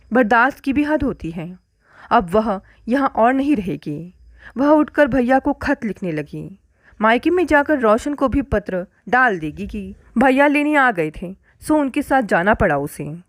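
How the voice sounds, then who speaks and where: A woman narrating a family story in a steady, scripted reading. Her voice sits somewhat high, and the recording is dry and close. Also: no room sound.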